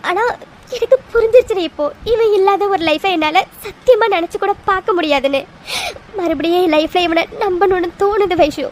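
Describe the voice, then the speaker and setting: A woman's voice: extremely high pitch, slight background noise. A woman voicing an anxious young cartoon heroine in love, who talks in an emotional, confiding and pleading way. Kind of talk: animated cartoon dialogue.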